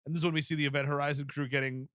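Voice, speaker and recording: Male co-host, slightly high, bright voice, laid-back and wry. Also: flat delivery, very fast, smooth, no room sound, studio quality. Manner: laid-back, recaps plot with wry asides. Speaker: podcast co-host. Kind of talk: casual comedic movie chat.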